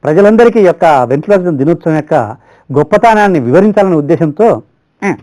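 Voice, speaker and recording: A ventriloquist plays the straight man in his own act, patiently questioning his puppet. His fairly high voice rises and falls a lot. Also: expressive, fast, dark tone.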